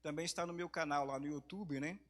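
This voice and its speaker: A hoarse man from Brazil preaching in a church, speaking slowly and softly, with louder passages when reading scripture. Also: a little high, steady tone. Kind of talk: sermon.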